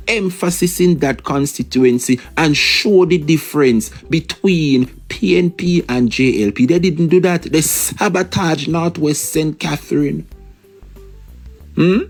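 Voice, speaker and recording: A man's voice: fairly high pitch, darkish tone. A man with a Jamaican accent giving casual political commentary, emphatic and repetitive, slipping into patois.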